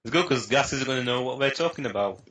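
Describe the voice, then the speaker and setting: Cheeky man with a bright, forceful voice. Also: mid-range voice, lively intonation, quick pace, husky. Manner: cheeky, crude banter. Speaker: podcast co-host. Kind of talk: casual gaming chat.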